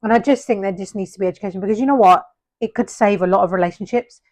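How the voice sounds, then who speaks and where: A woman co-hosts a relaxed podcast, laying out her views earnestly in long, winding sentences. Her voice sits at an ordinary middle pitch. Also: rapid-fire. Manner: earnest and explanatory, speaks in long run-on points. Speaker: podcast co-host. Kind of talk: casual chat.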